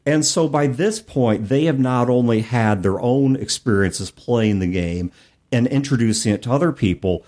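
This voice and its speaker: A middle-aged man hosting a podcast offers emphatic, conversational takes on tabletop gaming, often spelling out words one after another for effect. His mid-range, darkish voice has lively intonation and a normal speed.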